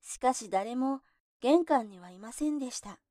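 A woman narrating a folk tale in gentle, measured storybook telling. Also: on the high side, animated, dry recording, studio quality.

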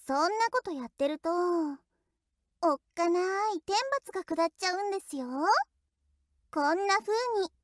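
A woman's voice: very high voice, normal speed, no echo, clean studio sound. Woman voicing a teasing young shrine maiden. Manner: polite, sing-song teasing. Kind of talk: audio role-play drama.

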